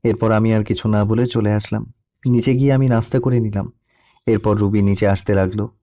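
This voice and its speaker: A young man narrating a first-person love story in a soft, melancholy storytelling manner. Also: fairly low pitch, fairly even intonation, moderate pace. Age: young adult.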